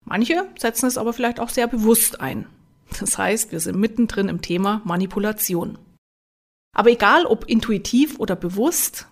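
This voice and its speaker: Lively woman coaching the listener. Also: medium pitch. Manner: lively, speaks straight to the listener with rhetorical questions. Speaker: self-help coach and trainer. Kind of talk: motivational self-help talk.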